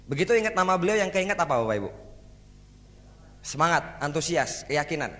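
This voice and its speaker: A man giving a motivational seminar talk to a live audience, energetic and rhetorical, often asking the crowd for agreement. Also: fairly high pitch, a little fast. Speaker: motivational speaker. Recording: hall reverb.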